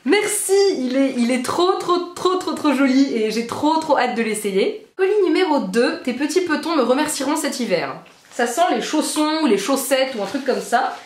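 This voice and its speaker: Bubbly high-voiced young French woman. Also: animated, moderate pace. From France. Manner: bubbly and gushing, repeats trop trop. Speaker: beauty vlogger. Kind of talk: casual vlog unboxing. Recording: echoey room.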